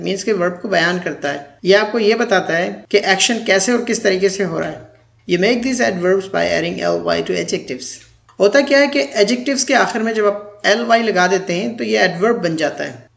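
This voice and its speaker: Male grammar teacher, high gravelly voice, slow deliberate drills. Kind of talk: grammar lecture.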